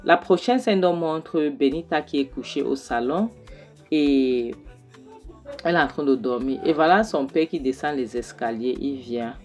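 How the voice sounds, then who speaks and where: Low-voiced woman retelling a film. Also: a little slow, a little mellow, soft background music. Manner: chatty, with fillers. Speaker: film recap narrator. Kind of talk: casual spoken film recap.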